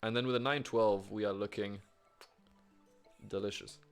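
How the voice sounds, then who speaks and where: A young man streaming himself playing a board game online, talking to himself with excitable, swearing commentary. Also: on the low side, moderate pace, smooth, faint music behind. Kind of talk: live gameplay commentary.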